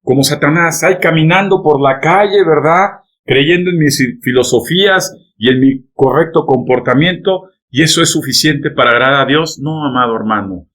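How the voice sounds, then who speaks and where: A man's voice: a little high, normal speed, hardly any pauses, a bit bright. A male pastor delivering a sermon, speaking directly to the congregation and constantly checking in with rhetorical questions. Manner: emphatic preaching, peppered with rhetorical "¿verdad?" and "¿amén?" checks; addresses the congregation directly, telling them to turn to each other.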